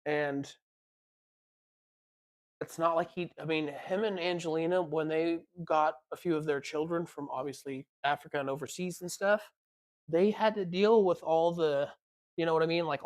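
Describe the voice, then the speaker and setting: A podcast co-host chatting casually, rambling through long tangents. The voice sits at a middle pitch and jumps into quick put-on voices when quoting people. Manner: rambling, animated storytelling with quoted voices. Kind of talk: casual chat.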